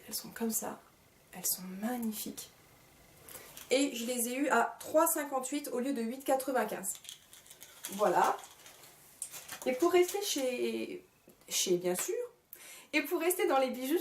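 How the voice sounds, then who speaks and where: A woman's voice: sits high, lively intonation, moderate pace, long pauses, slight background noise. A woman talks through a shopping haul in casual vlog style, gushing with lots of fillers, recorded on a camcorder mic. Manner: gushing, with frequent fillers and repeated praise. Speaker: vlogger. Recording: roomy echoey room.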